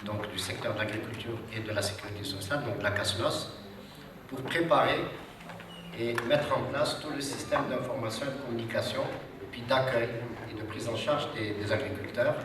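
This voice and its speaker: At a seminar in a large hall, a social security official with a cold gives a formal, hesitant speech full of fillers and restarts. His mid-range voice moves a little fast. The hall is echoey, the mic distant, and audience noise can be heard.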